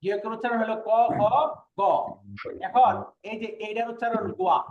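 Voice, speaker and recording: A man teaching an online language class, patiently repeating words slowly for his students. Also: high-pitched, level tone. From Bangladesh. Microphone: online class call audio. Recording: echoey, muffled, noisy online class audio.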